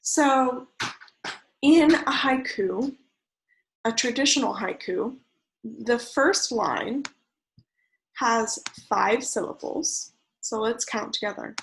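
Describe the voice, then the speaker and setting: A young woman leads a children's writing class over a computer mic, talking slowly and patiently. Her voice carries a gravelly fry, and a faint hiss sits under it. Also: a little high, a bit bright, poor audio. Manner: patient, counts syllables aloud slowly. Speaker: creative writing teacher. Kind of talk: online lesson for children.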